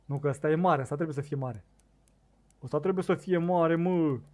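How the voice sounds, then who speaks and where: A young man with a Romanian accent giving casual commentary on a fishing game, excitable and talking to his viewers, on a desk microphone set too loud. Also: on the high side. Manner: excitable, shouts bursts at the game, talks to viewers. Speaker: gaming streamer.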